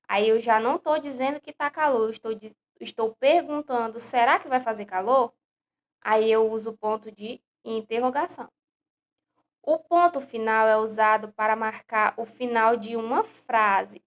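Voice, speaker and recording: Brazilian woman teacher, recorded class for young kids, patient and repetitive delivery, somewhat high register. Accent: Brazilian Portuguese. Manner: patient, explains step by step, repeats questions. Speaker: primary school teacher. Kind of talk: recorded remote lesson.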